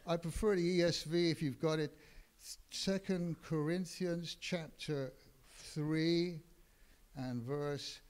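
A man preaching a sermon as pastor in a church, with a deliberate delivery that swells and drops in loudness for emphasis. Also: fairly high pitch, steady tone.

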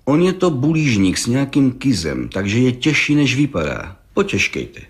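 A man voicing an excitable, boastful middle-aged village gendarme who tells his tale in an eager, rambling rush. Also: medium pitch, close to an everyday voice. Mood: excited. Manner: rambling, eager, breathless storytelling. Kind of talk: audiobook reading.

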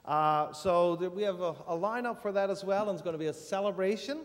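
A man giving casual church announcements from the front of a sanctuary, halting with many fillers. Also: high voice. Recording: long reverb in a church hall.

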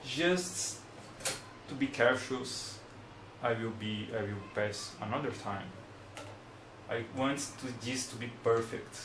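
Speaking English as a second language, a young Brazilian man in his twenties with a Brazilian Portuguese accent demonstrates something casually at a desk in a small room. The hobbyist keeps it plain and unhurried, often searching for words. His voice is mid-range, the sound reverberant, with background noise.

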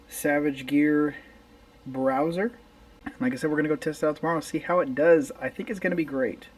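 Casual male vlogger, thirties, fairly high voice, rambling gear talk, camera mic a little distant. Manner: relaxed, rambling with fillers and restarts. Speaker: fishing vlogger. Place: home garage at night, indoors. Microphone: camera close in front, handheld at times.

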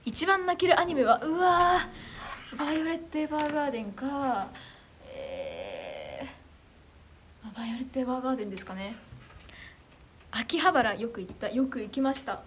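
A teenage idol trainee from Chiba, Japan, streams live with a high, bubbly voice, reading out comments as she chatters. She talks quickly and animatedly, often poking fun at herself, with a light hiss in the background.

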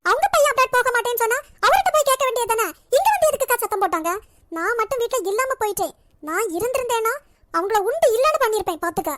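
A woman voicing a feisty, sharp-tongued young woman who protects her sister in a cartoon. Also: extremely high pitch, very animated, very fast, no echo, studio quality, heavily acted. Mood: angry. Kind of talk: cartoon voice acting.

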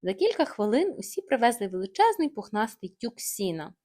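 A woman storyteller narrating a children's bedtime tale. Her voice sits fairly high and moves with lively, expressive swings. She keeps the telling gentle. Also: fairly quick.

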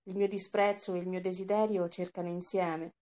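A troubled young man pours out an earnest confession of envy and loneliness, read aloud by a woman. The voice sits slightly low and keeps a steady reading pace, in the manner of a storybook reading. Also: fairly quick, close to an everyday voice. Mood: anguished.

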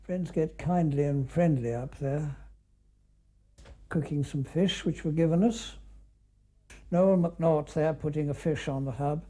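Recalling a canoeing expedition, this older British man gives a loose, conversational film commentary full of brief, reflective asides. He speaks a touch high and somewhat slowly, with long pauses and a warm tone.

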